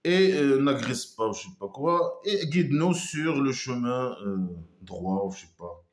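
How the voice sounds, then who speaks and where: An online commentator delivers a casual critical monologue in a mid-range, sing-song voice, unhurried, in an echoey room. He sounds scornful and mocking, hesitating and trailing off into many asides.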